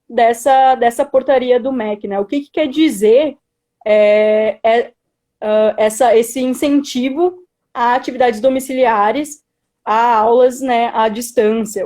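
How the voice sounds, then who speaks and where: High-voiced, mellow young Brazilian woman. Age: young adult. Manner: earnest, hesitant, frequently seeking agreement with tag questions. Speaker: student activist. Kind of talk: informal political commentary.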